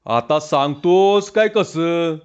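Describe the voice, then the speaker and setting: A man voicing a gruff, bossy village strongman who talks bluntly and gives orders. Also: fairly high pitch, slow pace, muffled recording. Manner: blunt, commanding.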